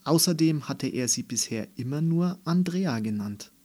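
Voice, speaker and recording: A man narrating a story as an audiobook reader, calm and measured. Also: a little high.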